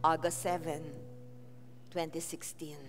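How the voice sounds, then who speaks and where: A woman's voice: low-pitched, little pitch movement, slow, over music. A woman pastor with a Filipino accent, preaching in a casual mix of Tagalog and English and calling on the congregation for amens. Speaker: senior pastor. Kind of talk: sermon with congregational worship. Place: large church hall. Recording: church hall reverb.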